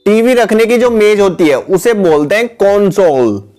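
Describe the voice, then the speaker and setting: High-voiced male teacher naming words. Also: measured pace, faint music behind. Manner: steady repetitive naming, addresses viewers as guys. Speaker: English teacher. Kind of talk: vocabulary lesson voice-over with pictures.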